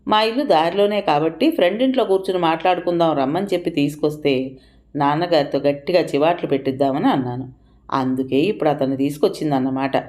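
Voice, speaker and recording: A woman narrating an audio story in an expressive manner, lifting her voice for quoted speech. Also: sits low, fast.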